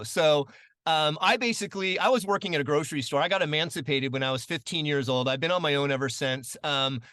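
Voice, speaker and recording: A chatty man in his late forties tells stories as a podcast guest, his voice bright and a little high for a man. He talks loosely with lots of ums, and his voice perks up whenever he quotes someone. The sound is dry and close. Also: dry recording. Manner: chatty, many fillers, animated when quoting. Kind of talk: casual storytelling interview.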